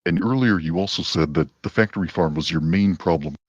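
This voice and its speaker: Man with an extremely deep, pitch-shifted-sounding voice. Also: brisk, husky, no echo. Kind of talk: casual debate. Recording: dull, lo-fi online voice chat.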